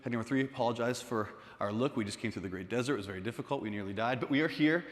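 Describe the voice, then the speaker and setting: A man voicing a nervous, hopeful, ragged hag woman who stammers and gets excited, heard in an echoey hall. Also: medium pitch, rapid-fire, voice pushed down, close to an everyday voice.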